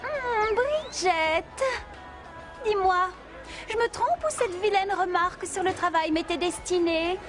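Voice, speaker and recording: A haughty teenage girl scolds in a high, prim cartoon voice. She sounds reproachful. Music runs underneath. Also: slow pace.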